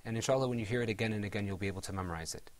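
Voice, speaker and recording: A man teaching Quran recitation rules to a small class, patiently modeling sounds and encouraging students. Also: on the low side. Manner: encouraging, drawn-out modeling of pronunciations.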